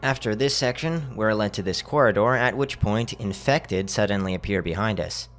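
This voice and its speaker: Low-voiced man giving a blunt game critique. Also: normal speed, a bit bright, soft background music. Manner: casual, blunt, swears freely. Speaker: video essay narrator.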